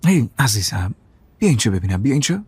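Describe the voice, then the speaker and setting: A man dubbing a film role: a broke former footballer and father, defensive and prickly, with a husky voice. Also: medium pitch, sing-song, darkish tone, no room sound, exaggerated voice. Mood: tender. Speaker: father arguing with his wife. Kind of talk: dubbed film dialogue.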